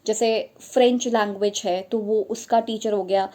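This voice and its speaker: A woman's voice: mid-range voice, steady tone, normal speed, dark tone. A young adult woman tutoring for teaching exams, explaining step by step in a spoken lesson, often repeating her points and slipping in English phrases.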